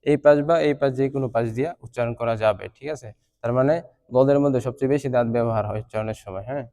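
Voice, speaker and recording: A Bengali-speaking man teaching Arabic letter pronunciation, drilling syllables slowly and chanting recitation. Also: mid-range voice, warm tone, clean tone, long reverb tail.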